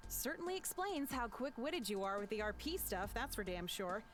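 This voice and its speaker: A woman's voice: a little high, very animated, normal speed, a bit bright, soft background music. A blunt, giggly gamer girl.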